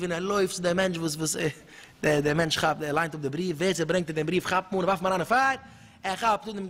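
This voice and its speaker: High-voiced fervent male preacher, reverberant hall. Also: fairly bright tone. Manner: fervent, emphatic, with frequent repeats and restarts. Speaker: religious speaker. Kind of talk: storytelling sermon. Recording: long hall reverb with faint music.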